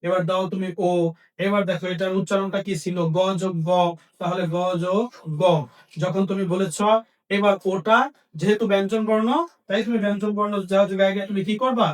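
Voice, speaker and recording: A man's voice: high voice, little pitch movement, a little fast, far from the mic. A man teaching a language lesson, asking questions and then answering them himself, repeating each key point. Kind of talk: Bengali grammar lesson.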